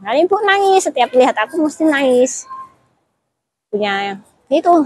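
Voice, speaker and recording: A woman's voice: high voice, very animated, moderate pace, no room sound, low-quality recording. A woman, talking casually as an interview guest and retelling her story with quoted dialogue and many restarts. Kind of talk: casual chat.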